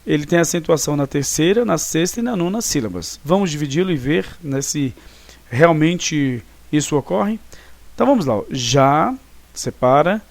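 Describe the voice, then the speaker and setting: Brazilian guy teaching a class online, kinda high voice, dry close sound, keeps asking if you got it. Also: lively intonation, vocal fry, darkish tone, no room sound. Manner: explanatory, checks understanding with frequent tag questions; counts syllables slowly and deliberately. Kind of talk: recorded online lesson.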